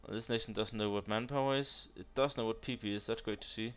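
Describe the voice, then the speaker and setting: A man's voice: fairly low pitch, fairly even intonation, quick pace, fairly bright tone, slight background noise. Blunt man critiquing a strategy game. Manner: blunt, exasperated critique with frequent fillers. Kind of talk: casual commentary over gameplay. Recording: dull lo-fi mic with keyboard typing behind.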